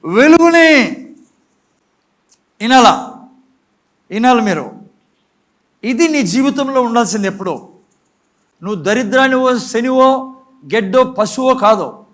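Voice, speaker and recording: A pastor with a Telugu accent preaches to his church in a strikingly high voice. He keeps firing questions at the congregation and then answers them himself. Now and then he breaks into a loud, emphatic shout. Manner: mixes English phrases into his preaching. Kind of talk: sermon.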